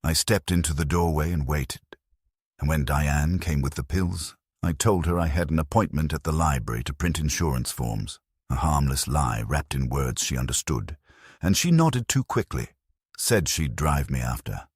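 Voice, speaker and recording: An older man narrating a first-person story in a measured, even-toned way with long flowing sentences. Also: a bass voice, breathy edge, no echo, studio quality.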